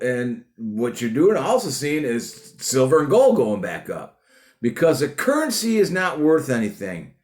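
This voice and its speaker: A man from the United States hosting a casual news and opinion monologue for preppers, halting as he repeats and rephrases himself. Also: medium pitch, roomy sound. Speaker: host of a prepper news channel.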